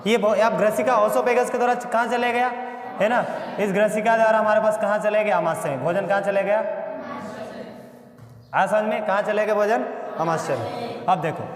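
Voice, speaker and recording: A man's voice: high voice, normal speed, faint music behind. A male biology teacher, lecturing in a call-and-response way. He asks each question again and again, then gives the answer himself. The sound rings with a long, roomy reverb. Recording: echoey, reverberant room.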